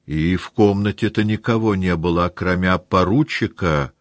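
A man's voice: deep voice, moderate pace, no room sound, studio quality, natural voice. A man voicing a fussing male servant in a pleading tone.

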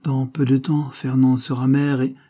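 A man's voice: mid-range voice, flat delivery, normal speed, dark tone, pitched above the performer's own voice, natural voice. A man reading an audiobook, voicing a scornful, domineering creole woman who talks in a cold, mocking tone. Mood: commanding. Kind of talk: audiobook character voice.

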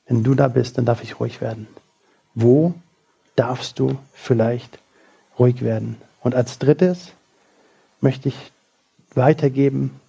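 Gravelly, dark-toned male preacher. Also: mid-range voice, steady tone, takes it slowly, pauses often, highs cut off. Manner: earnest storytelling with quoted prayers. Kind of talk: sermon. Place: church.

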